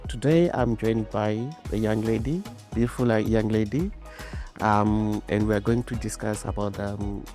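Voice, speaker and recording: A man hosting a podcast interview, hesitant, filling pauses with "um" and repeating "I see". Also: lowish voice, fairly even intonation, dark tone, soft background music. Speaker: podcast host. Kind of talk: casual interview.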